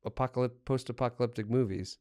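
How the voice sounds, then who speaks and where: A man co-hosting a casual movie podcast, talking excitedly with quick restarts. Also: medium pitch. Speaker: podcast co-host.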